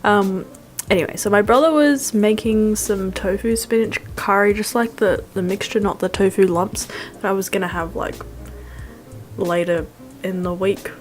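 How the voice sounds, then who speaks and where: A woman's voice: medium pitch, normal speed. A young woman doing a casual vlog voice-over in a rambling, wry, self-deprecating way with slangy phrasing. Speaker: food vlogger. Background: music.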